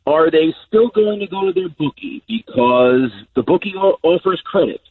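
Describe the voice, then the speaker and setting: A man's voice: on the high side, expressive, moderate pace, slight background noise. A man calling in as a business reporter for a phone interview. He holds the phone too far from his mouth, so his voice fades. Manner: explanatory, uses fillers like "you know". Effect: phone held away from mouth, voice fading. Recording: tinny dry phone line.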